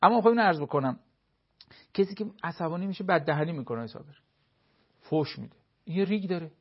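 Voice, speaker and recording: A man's voice: a little high, animated, breathy edge, dull audio. A man giving advice on a talk show, explaining his points with everyday examples and short acted-out dialogues.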